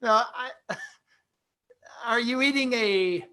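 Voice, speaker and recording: A man's voice: very high-pitched, slow, bright, forceful tone, clear, resonant tone. A man hosting an online improv dating game, chatty and hesitant with many fillers. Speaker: game show host.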